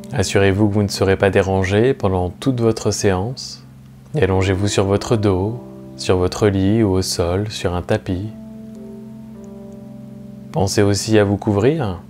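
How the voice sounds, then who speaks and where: Leading a relaxation session, a male meditation teacher talks in a slow, calm, low-leaning voice, using soothing, measured phrasing and lengthy pauses. Gentle plucked guitar accompanies him in the background.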